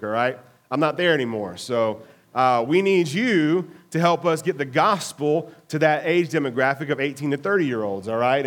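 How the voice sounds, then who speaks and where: A man, a pastor giving announcements and a casual sermon in a church, sounding nasal from a cold and talking in a chatty, folksy way. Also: mid-range voice. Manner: folksy, chatty, frequent "all right?". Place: church sanctuary.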